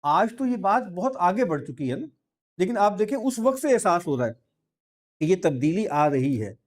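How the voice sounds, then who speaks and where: A man giving an informal, discursive lecture, with asides and soft laughs, and reading verse slowly. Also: high voice, very animated. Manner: reads verse slowly and drawn out.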